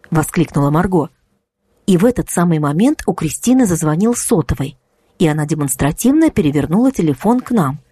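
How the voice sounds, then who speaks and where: A woman narrating an audiobook in an expressive, animated manner. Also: sits low, slightly rough, no echo.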